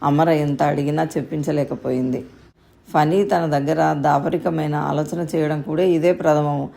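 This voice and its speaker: Low gravelly woman storyteller. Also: fairly even intonation, normal speed, dark tone. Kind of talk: scripted narration.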